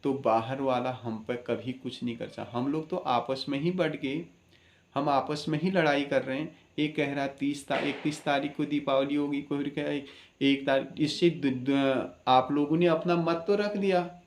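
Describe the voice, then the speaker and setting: A man's voice: mid-range voice, steady tone, a little slow, reverberant. A man, an astrologer, giving an impassioned spoken address, earnest and preaching, with many rhetorical questions.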